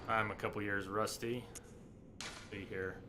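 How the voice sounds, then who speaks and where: A man giving casual live gameplay commentary as a streamer, haltingly thinking aloud. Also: lowish voice, level tone. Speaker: video game streamer. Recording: noisy, game sound behind voice.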